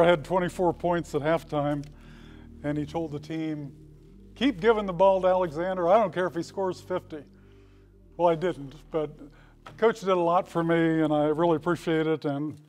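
A man's voice: a little high, a little mellow. A man near seventy giving a hall of fame acceptance speech at a podium in a school hall, telling old stories with dry humor. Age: 60s. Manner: folksy storytelling with dry humor. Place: school hall with brick walls. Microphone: podium microphone.

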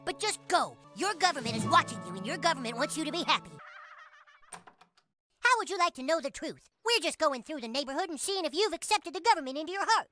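A man's voice: very high voice, very animated, quick pace, pushed and bright, faint music behind, full character voice. A man voicing a naive, timid cartoon boy who talks earnestly and stammers. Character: naive sweet timid boy, eager to please. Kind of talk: cartoon voice acting.

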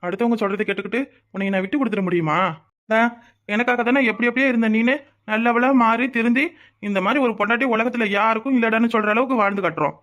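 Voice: medium pitch, fast talker, a bit bright, lightly acted. A performer voicing a boastful, doting young village husband and strong laborer in a cartoon, speaking with a southern Tamil accent in a swaggering, playful, protective way. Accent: southern Tamil (Tirunelveli). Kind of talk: cartoon voice acting.

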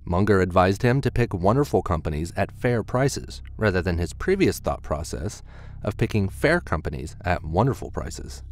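A man giving measured, scripted documentary narration. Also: deep voice, sing-song. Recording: narration over clear background music.

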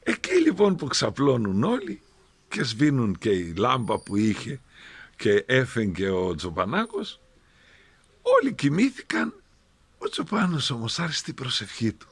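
A priest telling a parable in an animated, heartfelt sermon. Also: male voice, medium pitch, husky, no echo. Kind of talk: storytelling sermon. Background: music.

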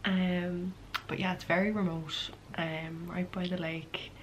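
A woman's voice: fairly low pitch, little pitch movement, takes it slowly, highs cut off, slight background noise. A woman in her early twenties with a west of Ireland accent, chatting casually to camera as a content creator answering questions. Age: early 20s. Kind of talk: casual chat to camera, Q and A vlog.

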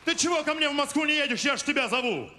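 A man's voice: very high voice, animated, fast talker, a crowd in the background, noisy background. A man playing a pompous, indignant scholar in a stage comedy sketch, declaiming into a handheld microphone. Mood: hearty. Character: pompous scholar Lomonosov, back visiting his village. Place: large theatre stage with audience. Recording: echoey big hall with music.

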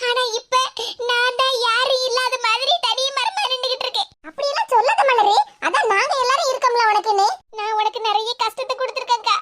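A woman voicing a young village woman in an animated cartoon, speaking with a Kanyakumari Tamil accent in a very high, sped-up cartoon voice. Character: young village woman, tearful and affectionate sister.

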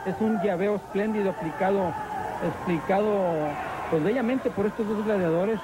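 A man's voice: high voice, normal speed, background noise. A man with a Mexican accent commenting on and analysing a live wrestling match as a commentator.

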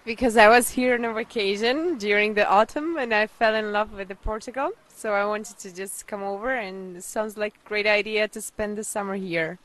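A woman's voice: mid-range voice, moderate pace, hardly any pauses, a bit bright, dry recording, rough recording. A young woman from Slovakia, answering interview questions playfully on a handheld mic. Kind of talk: casual interview.

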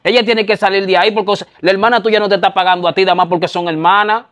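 A man playing a quick-tempered husband who gets worked up and keeps repeating himself. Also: sits high, steady tone, fairly bright tone. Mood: agitated. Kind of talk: amateur drama acting.

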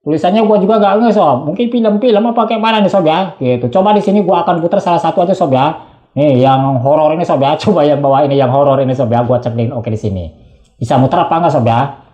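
Casting: male tech vlogger, slightly high voice, chatty and slangy, recorded in an echoey room. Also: fast talker, dark tone, dull audio. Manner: chatty, slangy, calls viewers "sob" constantly. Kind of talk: casual screen tutorial narration.

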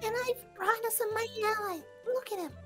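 Tiny elf-like game bug, extremely high childlike squeak, earnest, excitable, loud game music behind. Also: female voice, brisk. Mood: excited, urgent. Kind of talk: amateur voice-over of video game dialogue.

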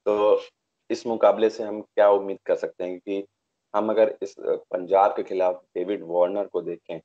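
This young man's voice sits low, his delivery flat and his speed normal. Hosting casual cricket commentary on a video call from a small room indoors, he pauses and gropes for words, and the lo-fi audio is dull.

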